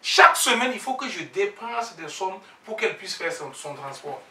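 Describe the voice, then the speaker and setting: A man's voice: high-pitched, big pitch swings, moderate pace, bright, forceful tone, roomy sound, recorded from a distance, exaggerated voice. An actor playing an exasperated young man complaining about his girlfriend's spending, emphatic and building up.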